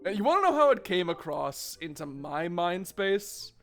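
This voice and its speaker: A male streamer playing through a game, laughing and excitable, prone to long tangled asides. His voice sits high and swoops widely. Faint game music plays behind him. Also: normal speed. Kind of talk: casual gameplay chat.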